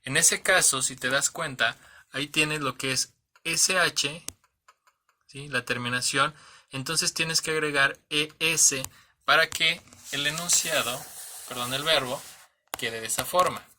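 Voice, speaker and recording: A man's voice: fairly high pitch, a little slow, pushed and bright, slight background noise. A man teaching an English grammar lesson, patiently spelling out letters and often checking in with "¿sale?" and "¿ok?", correcting himself as he goes.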